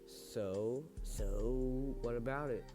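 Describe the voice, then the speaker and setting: A man's voice: mid-range voice, very slow, over music. Bored, blunt teenage boy acted by a man. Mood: unimpressed. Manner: unimpressed, blunt. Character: bored, dismissive teenage boy narrating his own story. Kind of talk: game story read aloud.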